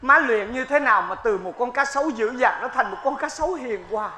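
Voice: medium pitch, lively intonation, brisk, pushed and bright, slight background noise. A performer playing a flustered, panicky husband in a stage comedy sketch, yelping and pleading. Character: panicky henpecked husband being blackmailed.

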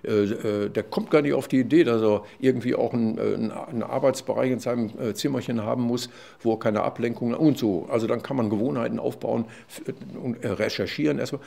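An older man, a psychology professor, explaining at length in an interview, with many fillers and restarts and a louder voice when he quotes others. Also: mid-range voice, fast talker, creaky, hardly any pauses. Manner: animated, loud when quoting others. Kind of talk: conversational explanation.

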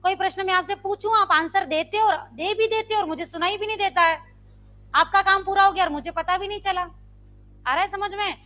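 A woman's voice: very high voice, moderate pace. A woman Sanskrit teacher, teaching a live online grammar class and quizzing her students with repeated questions. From India. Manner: quizzing students with repeated questions, demonstrating loud and soft sounds.

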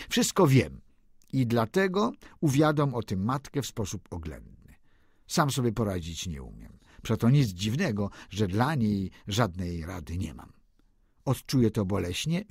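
A man reading a classic novel aloud as an audiobook, narrating in an impassioned, expressive way. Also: mid-range voice, slightly rough, no room sound, studio quality. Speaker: audiobook reader. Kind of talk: dramatic literary reading.

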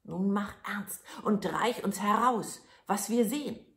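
A woman voicing grown-up male thieves in a storybook reading, in hushed, worried tones. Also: medium pitch, slow, pitched above the performer's own voice. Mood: hushed, urgent. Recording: echoey room.

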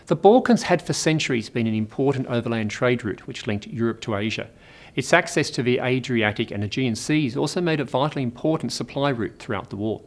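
A middle-aged man with an Australian accent, delivering a scripted history lecture in a measured, precise way, recorded in a studio. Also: mid-range voice.

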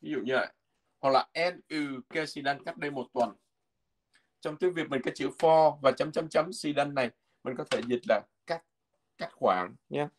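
A man teaching a language lesson from a textbook, patiently repeating words slowly so learners can follow. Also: fairly high pitch.

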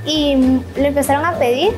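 High-voiced teenage girl contestant. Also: steady tone, moderate pace, over music. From Guatemala. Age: teens. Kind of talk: interview.

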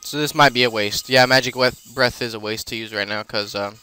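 Bright, clear-voiced man narrating gameplay. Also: medium pitch, moderate pace, soft background music. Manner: rambling, many fillers and self-corrections. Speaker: let's play host. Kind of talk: casual gameplay commentary.

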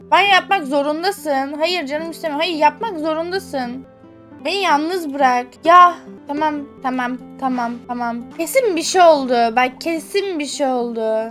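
A young woman streamer commenting on a game and reading its lines aloud, emotional and quick to exclaim. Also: sits high, a bit bright. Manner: emotional, exclaims and swears at the game, on the verge of tears. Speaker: gaming streamer. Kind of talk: casual let's play commentary, reading game text aloud. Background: faint game music.

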